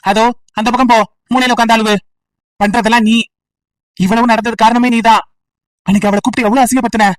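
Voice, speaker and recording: A woman's voice: fairly high pitch, fairly even intonation, fast talker, long pauses, dry recording, far from the mic, pitched below the performer's own voice, lightly acted. A woman voicing a stubborn, bitter young village man of 28 who refuses marriage and talks curtly and threateningly. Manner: curt, threatening, sulky.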